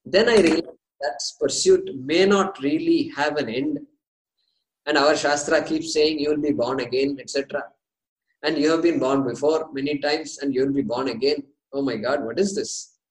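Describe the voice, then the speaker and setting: A man with an Indian accent giving an explanatory religious discourse, deliberate and repeating key phrases for emphasis. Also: a little high. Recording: echoey room.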